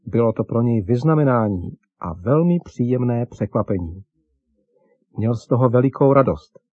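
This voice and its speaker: A man narrates a scripted story for children on a radio program, in a gentle and friendly voice with a slightly husky grain. The recording is dull and lo-fi and completely dry, with no room sound. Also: mid-range voice, dry recording.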